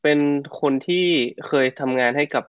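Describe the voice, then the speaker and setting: A man's voice: moderate pace, no echo, lo-fi sound. A middle-aged man co-hosting a casual podcast, chatty and slangy as he tells stories. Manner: chatty storyteller, slangy and animated. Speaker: podcast co-host.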